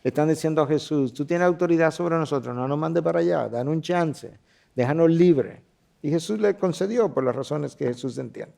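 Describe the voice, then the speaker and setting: A man, a pastor teaching a Bible class, who swings from loud, lifted declarations to hushed lines and acts out the people in the passages he reads. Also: a little high, a little fast, creaky. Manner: expository preaching with dramatic swings from loud to hushed; voices the Bible characters he quotes.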